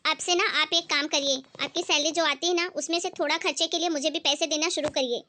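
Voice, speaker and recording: A woman voicing a meek young daughter-in-law who pleads softly, in an amateur family skit. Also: high-pitched, steady tone, a little fast, background noise, natural voice. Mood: pleading. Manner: soft and pleading.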